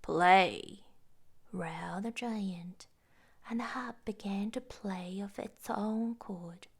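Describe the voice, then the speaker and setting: A woman tells a bedtime fairytale in a hushed, half-whispered voice. She reads slowly, her tone husky and slightly gravelly. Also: mid-range voice. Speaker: storyteller. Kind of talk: bedtime story narration.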